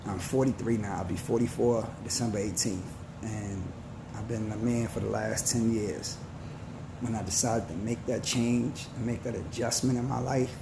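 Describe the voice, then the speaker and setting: A man's voice: lowish voice, gravelly, noisy background. A man in his forties giving an earnest, slangy motivational talk to his viewers. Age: 40s. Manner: earnest, preachy, slangy and slow. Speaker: vlogger.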